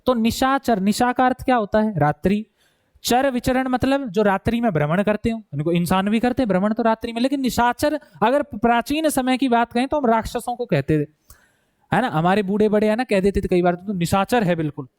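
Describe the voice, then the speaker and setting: A man coaching students for a Hindi exam, calling them "bhai" and slowly repeating words to show how they are pronounced. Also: very high-pitched, a little mellow, clear, resonant tone, dry recording, clean studio sound. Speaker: exam prep teacher. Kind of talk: explaining Hindi grammar for an exam.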